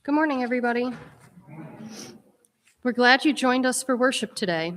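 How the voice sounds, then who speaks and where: A woman's voice: fairly high pitch, expressive, moderate pace, fairly bright tone. A woman with a stuffy head cold gives the welcome and announcements at a church service in a chatty, informal way, with frequent ums. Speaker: minister leading worship. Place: church sanctuary. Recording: long reverb in a church sanctuary.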